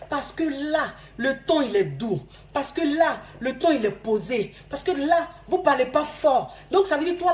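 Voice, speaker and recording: A woman with a high voice gives casual advice to other women, coaxing and chatty. She laughs often and keeps calling her listener "dear". The recording has a roomy echo. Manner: warm, coaxing, often laughing, repeats "ma chérie". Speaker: marriage advice speaker.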